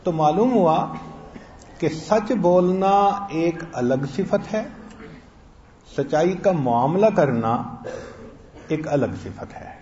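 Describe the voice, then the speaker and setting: A man's voice: a little high, pauses often, darkish tone. A man giving a sermon, telling stories and acting out the quoted lines of the people in them. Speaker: preacher. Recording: echoey, dull lo-fi sound.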